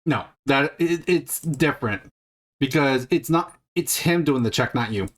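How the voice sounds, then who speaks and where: Game master, male, mid-pitched and patient: talks the rules through out loud and corrects himself along the way. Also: lively intonation, measured pace. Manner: explains rules patiently, thinking aloud with restarts. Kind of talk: running a tabletop game session.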